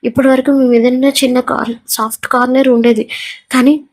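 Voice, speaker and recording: A defiant young shop worker snaps back in anger in a storybook drama, as a woman narrating puts her on. Her voice is fairly high and stays level, with little rise and fall. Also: flat delivery, normal speed. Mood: angry. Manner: angry, sharp retorts.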